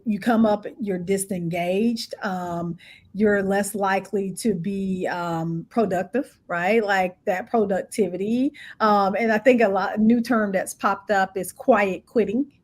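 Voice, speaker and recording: A woman co-hosting a casual discussion about meaningful work, animated and quick to laugh, with frequent affirming murmurs. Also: mid-range voice. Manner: animated, laughs often, agrees with many "mm-hmm"s. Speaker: co-host of a discussion.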